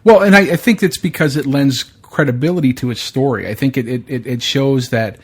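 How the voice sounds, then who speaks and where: Speaking a little fast with a breathy edge, a mid-range male podcast host keeps things casual, opinionated, and blunt. Swearing comes easily to him, and he keeps restarting his sentences.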